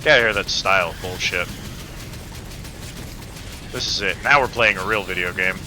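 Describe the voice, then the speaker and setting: A man's voice: low voice, normal speed, sharp tone, slight background noise. A man giving casual let's-play commentary, joking and swearing in slangy speech over game music. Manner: profane, jokey, slangy. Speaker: gamer playing and commentating.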